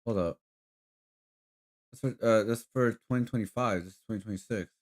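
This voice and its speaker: A man's voice: on the low side, normal speed, a little mellow. A man live-streaming in casual chat, rambling with lots of fillers and talking to his viewers as guys. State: hiccups.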